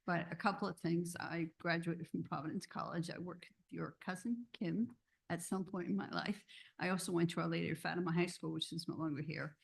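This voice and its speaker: A woman's voice: fairly low pitch, steady tone, brisk, vocal fry. A woman born in Cuba and raised in Rhode Island, introducing herself in a chatty, personable way at a town council meeting. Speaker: board member applying for a full seat. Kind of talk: self-introduction at a public meeting.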